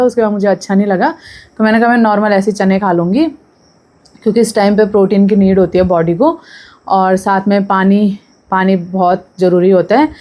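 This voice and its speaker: A woman's voice: mid-range voice, dark tone. A young pregnant woman chatting casually to camera in a vlog, talking freely and drifting off topic. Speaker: vlogger.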